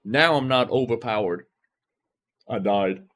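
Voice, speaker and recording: A man streams a game, offering casual live commentary as he rambles and thinks out loud. His mid-range voice is unhurried and fairly bright, with game music playing behind it.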